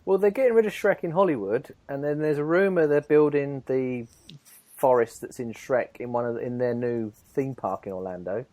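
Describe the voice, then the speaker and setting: A man's voice: medium pitch, moderate pace, warm tone, dry recording. Podcast host, man, teasing and chatty, dry close sound. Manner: chatty, teasing, leads the conversation. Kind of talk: casual chat.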